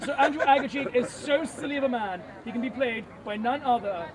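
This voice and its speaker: A man's voice: very high-pitched, brisk. A man narrating a comic play to a crowd outdoors, playful and giggly, feeding lines for volunteers to repeat. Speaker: street performer narrating a play. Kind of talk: comic improvised storytelling to a crowd. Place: outdoor fair stage.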